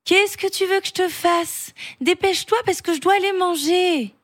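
A woman voicing a young boy in a storybook reading, childlike and a bit hurried. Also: very high-pitched, voice pushed up. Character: young boy, impatient, then mischievous. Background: music.

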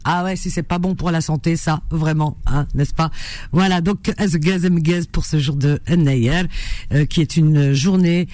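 Here the Algerian radio host runs a classified-ads show, her delivery warm and chatty with many fillers and repetitions. Her voice sits low with a steady tone, a little slow, in a dry recording.

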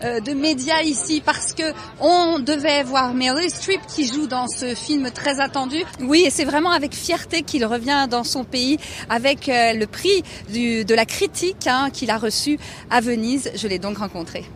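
High-voiced woman reporter. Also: moderate pace, fairly bright tone. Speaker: entertainment reporter. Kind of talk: news report.

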